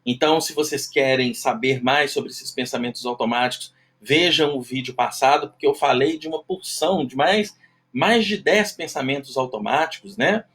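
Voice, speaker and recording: Man, husky and nasal, casual live-stream teacher. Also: medium pitch, moderate pace, a bit bright. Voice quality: nasal, self-described duck-like voice. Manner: chatty, greets viewers by name, often tags "né?". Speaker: live-stream host teaching self-knowledge.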